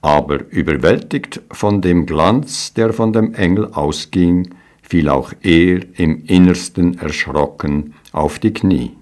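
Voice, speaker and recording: A male storyteller reads a storybook aloud with calm, measured delivery. His voice is very deep. He takes his time over every line. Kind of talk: storybook reading.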